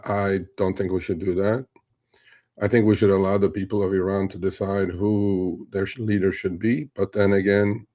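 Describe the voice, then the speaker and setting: A middle-aged man from Turkey hosts a casual livestream, musing aloud in a rambling, conversational way. His voice sits low and dark, with a mellow tone and little rise or fall. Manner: rambling, conversational, many fillers and asides. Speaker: host.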